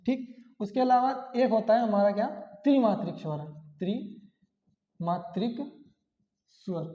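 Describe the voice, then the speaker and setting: A man's voice: very high-pitched, fairly quick. Man teaching grammar in an echoey room. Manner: repeats key terms, asks rhetorical questions. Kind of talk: exam-prep grammar lesson. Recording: echoey, dull lo-fi classroom sound.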